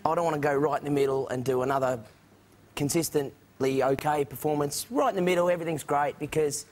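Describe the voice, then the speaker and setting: A young man, a talk show guest, chatting and telling animated stories in a television studio. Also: fairly high pitch, fairly quick. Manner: animated storytelling with laughs. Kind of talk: casual chat.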